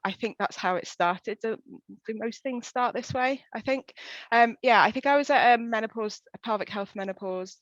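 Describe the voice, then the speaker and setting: A woman's voice: a little high, normal speed, fairly bright tone, no echo, muffled recording. A woman with a Welsh accent, a pelvic health physio, chatting casually in an interview with lots of fillers. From West Wales. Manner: chatty, frequent fillers, quoting herself.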